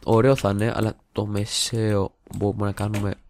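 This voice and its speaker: A young man hosts a gaming video from home, giving casual, jokey let's-play commentary as he builds, rambling, muttering and humming to himself. His lowish, slightly mellow voice has little pitch movement, captured on a desktop studio mic with a bit of hiss or hum.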